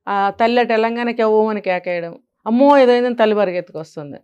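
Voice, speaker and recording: A woman's voice: on the high side, fast talker, a little mellow, clean tone, lo-fi sound. A woman with a Telugu accent, a guest speaker giving emphatic parenting advice in an interview, often asking rhetorical questions.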